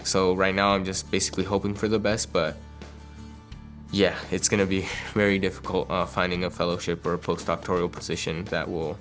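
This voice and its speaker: A man speaking in a documentary interview, hesitant and pausing with fillers as he talks about his career hopes. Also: sits low, level tone, a bit bright, faint music behind. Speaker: interviewee, researcher seeking a postdoc.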